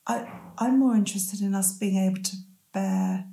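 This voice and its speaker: A woman's voice: medium pitch, fairly even intonation, normal speed, dark tone, reverberant. A woman who says w for r, speaking as an interview guest in a thoughtful, self-deprecating and reflective way. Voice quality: says w for r, cannot pronounce R clearly. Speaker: interview guest, medical ethicist.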